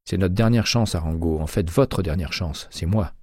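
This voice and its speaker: A man voicing a self-assured former FBI hypnotist who speaks in a measured, firm way. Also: low-pitched, a little mellow, slightly rough, dry recording, clean studio sound. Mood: calm.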